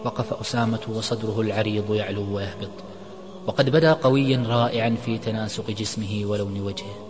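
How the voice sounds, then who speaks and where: A man narrating a scripted moral story in a dramatic, measured way. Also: lowish voice, steady tone, background noise. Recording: long reverb.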